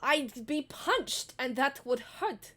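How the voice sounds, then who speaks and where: Woman as vain male bard, high voice, flustered and defensive, fight-shy, tabletop role-play. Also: expressive, slow pace, sharp tone, exaggerated voice. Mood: indignant. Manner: flustered, protesting.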